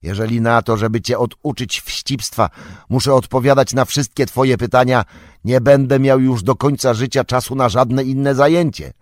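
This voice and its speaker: A man voicing a wise, stern old male wizard in an audiobook, explaining at length in a measured, grave way. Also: mid-range voice, no echo, studio quality, natural voice. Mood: exasperated. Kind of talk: audiobook character reading.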